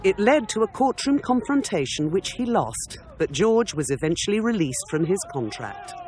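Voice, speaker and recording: A man giving scripted documentary narration in a measured, dramatic way. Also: sits high, big pitch swings, over music.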